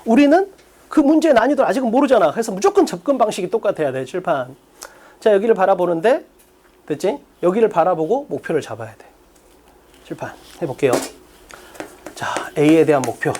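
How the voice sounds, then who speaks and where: A man's voice: high voice, quick pace, a little hiss or hum. Guy teaching an exam class, voice jumps up and down a lot, keeps asking "got it?". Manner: animated, drills students with rhetorical questions. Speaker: English teacher. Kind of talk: lecture.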